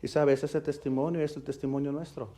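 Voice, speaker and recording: A male pastor preaching a sermon. He tells a story, swinging between loud, emphatic peaks and soft, hushed passages. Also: fairly high pitch, flat delivery, brisk.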